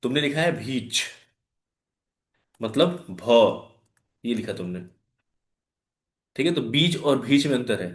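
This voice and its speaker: A man's voice: medium pitch, sing-song, unhurried, pauses often, roomy sound. A man with an Indian accent teaching a live online maths class, explaining step by step and putting questions to his students. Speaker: maths tutor.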